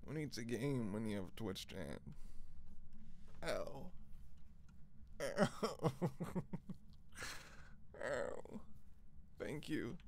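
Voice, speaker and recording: Young male streamer, slow, creaky, pitch all over, jumpy and profane on a live horror playthrough. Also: very animated, slight background noise. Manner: jumpy, swearing, laughing at himself. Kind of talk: live horror game commentary.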